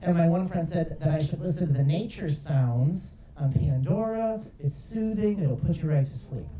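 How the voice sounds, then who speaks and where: A man's voice: a little high, moderate pace, distant mic. A man doing a stand-up comedy set, chatty and riffing with the crowd. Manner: chatty, riffs with the crowd, lots of "right?". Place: comedy club stage, live audience. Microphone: handheld mic heard from a far camera. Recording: roomy club sound from afar, crowd.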